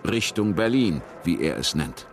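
A man's voice: deep voice, sing-song, a little slow, gravelly, slight background noise. A man reading scripted narration for a historical documentary.

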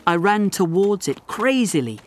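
Male narrator, slow deliberate reading, slightly high voice, faint music behind. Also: sing-song. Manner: slow, deliberate, clearly articulated. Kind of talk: slow storybook narration for English learners.

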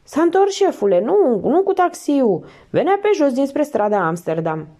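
An eager male police inspector reporting to his chief in a read-aloud crime story, as a female narrator reads him. The lines rise and fall in a lively way, with a mellow, dark tone. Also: high-pitched, voice pushed up.

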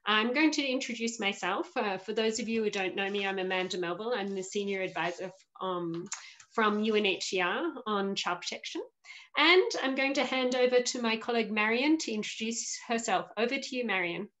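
A woman's voice: medium pitch, fairly quick, fairly bright tone. A woman in her forties hosting an online panel session from home over a video call, upbeat and welcoming, with frequent fillers. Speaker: webinar host. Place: home room with shelves. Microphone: laptop webcam video call.

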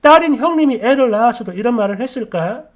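A man voicing an indignant young wife who rants in rapid complaints and rhetorical questions. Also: extremely high pitch, animated.

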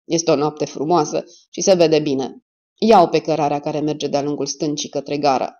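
Cold male detective, read by a woman, clipped orders, low voice, lo-fi audio. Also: steady tone, mellow, natural voice. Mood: commanding. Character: cool, blunt male private detective. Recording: dull lo-fi audio.

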